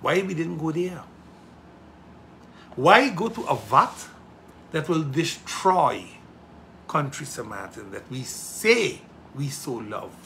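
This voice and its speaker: A man's voice: a little high, sing-song, takes it slowly, pauses often, slight background noise. Emphatic man talking politics. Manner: emphatic, rising to loud indignation, rhetorical questions. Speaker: political commentator hosting a show. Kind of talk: impassioned political commentary.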